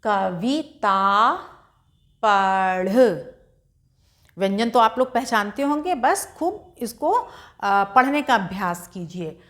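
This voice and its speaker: A woman's voice: fairly high pitch, lively intonation, unhurried. A woman teaching beginners to read, patiently sounding out each syllable and then blending them into whole words, with encouraging questions to her learners. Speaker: Hindi reading teacher. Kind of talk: slow, patient spelling-out lesson.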